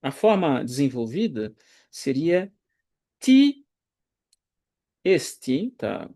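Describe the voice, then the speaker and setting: A man teaching Greek grammar in a recorded online lecture, explaining slowly and deliberately, pausing and correcting himself as he goes. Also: fairly high pitch, big pitch swings, dark tone. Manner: slow, deliberate explaining with pauses and self-corrections.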